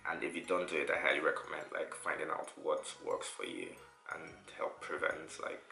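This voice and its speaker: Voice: very deep voice, creaky, sharp tone. A young adult vlogger chatting casually and informally, with a congested, nasal voice from a bad cold, as if holding their nose. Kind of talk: casual solo vlog chat. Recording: roomy echo with music behind.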